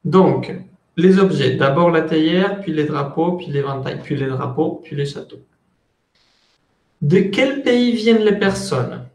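A man in his thirties teaches French online, speaking slowly and carefully in a fairly high voice. He explains patiently, step by step, on an earphone mic. The room around him sounds echoey. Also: lively intonation, a little mellow. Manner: slow, deliberate, switches between French and Spanish explanations. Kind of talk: online language lesson. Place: office with window blinds. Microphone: earphone headset mic on video call.

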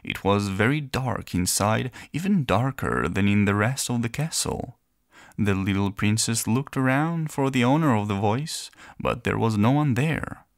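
Slow, lively male storyteller. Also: mid-range voice, gravelly, no echo, studio quality. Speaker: narrator. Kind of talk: storybook reading.

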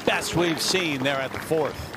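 A man's voice: fairly high pitch, unhurried, over a noisy crowd. A man delivering live golf commentary on the players' shots. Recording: very noisy outdoor broadcast.

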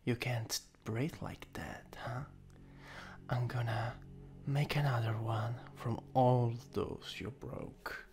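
A man voicing a sadistic, possessive incubus demon in a whispered role-play, taunting and menacing, with a breathy, gravelly delivery. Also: medium pitch, steady tone, a little mellow, slight background noise. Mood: sadistic, teasing. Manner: slow, menacing, mocking incubus teasing.

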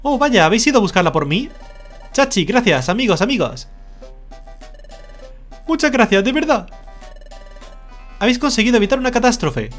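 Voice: mid-range voice, big pitch swings, moderate pace, pauses often, faint music behind, voice pushed up, lightly acted. A streamer doing a sweet, childish guild master. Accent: Spain Spanish. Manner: sweet, sing-song, innocent. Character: childish, dreamy male pink guild master.

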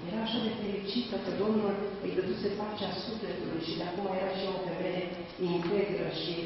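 Priest teaching catechism in an echoey hall. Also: male voice, high voice, fairly even intonation, background noise. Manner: conversational teaching with strong emphasis. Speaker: parish priest. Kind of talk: catechism lesson. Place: parish hall or church. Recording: far, echoey, dull room recording.

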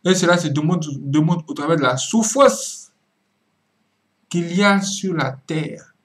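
Dramatic slow-preaching man, higher voice. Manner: dramatic preaching, swings from loud emphatic cries to low murmured asides; repeats words and restarts phrases for emphasis. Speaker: religious commentator. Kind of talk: preaching-style video commentary.

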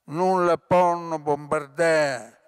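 A man voicing a toothless, hysterical man who sneers in a panic during an air raid, delivered slowly, in a dry recording. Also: fairly high pitch, steady tone, clean tone, no echo. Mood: sneering.

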